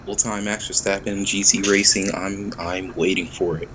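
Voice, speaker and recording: A young man co-hosting a casual chat, excitable and quick to laugh, swearing freely and slipping into mock voices. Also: deep voice, slight background noise. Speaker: podcast co-host.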